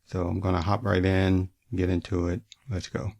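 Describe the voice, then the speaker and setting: A man's voice: low-pitched, little pitch movement, moderate pace, creaky, darkish tone, no room sound, clean studio sound. A man giving a casual gadget demonstration as a reviewer, talking through each step, with a slight lisp and slur from wearing braces. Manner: talks through steps as they are done. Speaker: tech reviewer and host.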